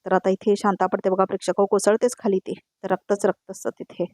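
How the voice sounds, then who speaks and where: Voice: mid-range voice, flat delivery, fast, darkish tone, dry recording, studio quality. A voice-over narrator retelling a TV serial episode, addressing viewers repeatedly and piling up scene descriptions.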